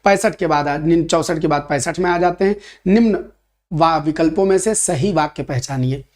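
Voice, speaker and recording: A man teaching a Hindi grammar class for an exam, lively and playful, reading out comments and answering them. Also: fairly high pitch, moderate pace. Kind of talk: online exam-prep class.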